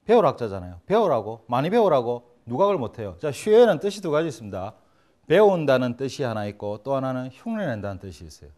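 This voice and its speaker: Animated man lecturing on language learning. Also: mid-range voice, quick pace. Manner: animated, acts out examples in funny voices, blunt and joking. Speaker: Chinese language instructor. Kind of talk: lively classroom lecture.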